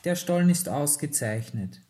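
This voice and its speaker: A man's voice: fairly high pitch, sing-song, normal speed, dark tone. A man playing a proper, indignant father of an upper-class family in a read-aloud story. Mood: stern. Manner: curt, indignant.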